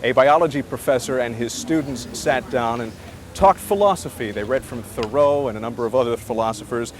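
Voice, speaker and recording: Live outdoor TV audio, with some noise, captures an American man covering breaking news from a residential area. He holds a broadcast mic and speaks a little fast in a mid-range voice.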